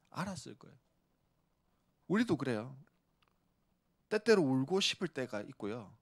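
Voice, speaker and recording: A man preaching a sermon as pastor, swinging between loud emphasis and hushed whispers and acting out quoted speech. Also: on the high side. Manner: acts out quoted speech of characters.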